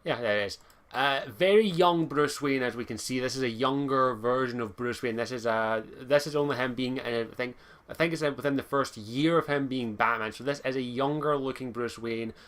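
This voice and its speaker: A man's voice: medium pitch, moderate pace, a bit bright. A young man giving a chatty, rambling commentary on a game trailer from his computer at home, swearing casually as he talks. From Scotland. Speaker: gaming video host.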